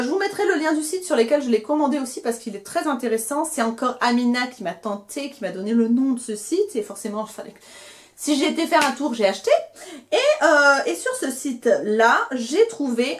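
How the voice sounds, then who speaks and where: A young woman chatting casually through a beauty haul, talking with lots of fillers and restarts as she shows and reviews products. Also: high-pitched. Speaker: beauty vlogger.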